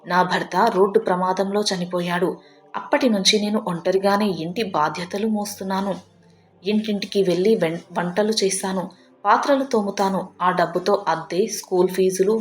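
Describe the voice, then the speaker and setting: A woman's voice: medium pitch, steady tone, moderate pace, lightly acted. A woman voicing a worn-out widowed mother who pleads as she tells of her hardship, in a storybook narration. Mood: weary, pleading.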